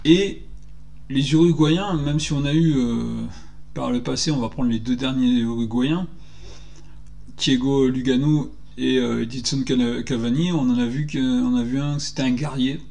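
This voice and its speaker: A man in his forties giving an indignant, animated solo opinion talk, firing rhetorical questions, recorded on a desk microphone in a small room. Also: mid-range voice, moderate pace, gravelly. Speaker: football commentator vlogger. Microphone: desk microphone on stand.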